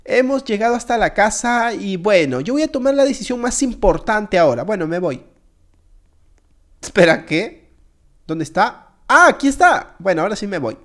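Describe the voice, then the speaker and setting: A man giving jokey, excitable gameplay commentary straight to his viewers. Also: sits high, moderate pace. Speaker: gaming video creator.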